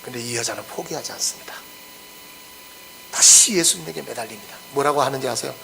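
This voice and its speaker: A man's voice: mid-range voice, brisk, vocal fry, pushed and bright, slight background noise, poor audio. A pastor preaching an expository sermon. He acts out the scripture quotes and keeps asking the congregation questions.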